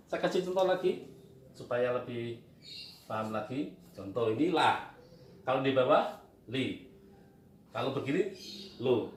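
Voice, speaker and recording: A man teaching Quran reading at a board, patiently asking questions and answering them himself. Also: mid-range voice. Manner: patient, repetitive, asks and answers his own questions. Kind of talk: whiteboard reading lesson. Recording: echoey room, distant mic, faint noise.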